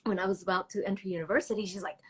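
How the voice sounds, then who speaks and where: A middle-aged Canadian woman, a children's book author whose first language is Cantonese, chats animatedly and laughs often during a casual live interview. Her mid-range voice is fairly bright with a breathy edge, and she talks in rapid-fire bursts with fairly even intonation.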